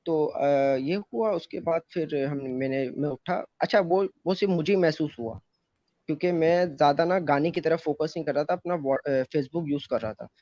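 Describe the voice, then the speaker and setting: A man with a somewhat high, slightly mellow voice tells a casual first-person story at normal speed, rambling loosely with lots of fillers and restarts. The close mic sounds dull, muffled and completely dry, with no room sound.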